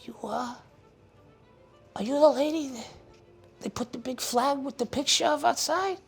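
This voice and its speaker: A man's voice: very high-pitched, moderate pace, vocal fry, slightly rough, faint music behind, voice pushed up, heavily acted. A man voicing an eager, polite young shoeshine boy who talks in a hesitant, colloquial street manner. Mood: awed, pleading.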